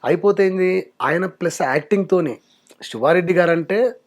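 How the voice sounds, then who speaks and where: A man's voice: high voice, moderate pace. A man, a mimicry artist talking frankly in a casual interview.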